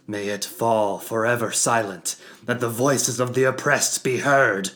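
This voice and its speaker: A man voicing a stern father who loudly declaims the incantations of a dark ritual in a fantasy audiobook. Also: medium pitch, steady tone, a little slow, pitched above the performer's own voice, natural voice. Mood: solemn chanting.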